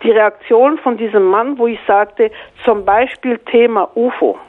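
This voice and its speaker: A woman, calling in and telling a story in a lively way, acting out the voices and thoughts of the people in it. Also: on the high side, a little slow. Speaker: caller. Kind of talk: phone-in storytelling. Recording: tinny phone line.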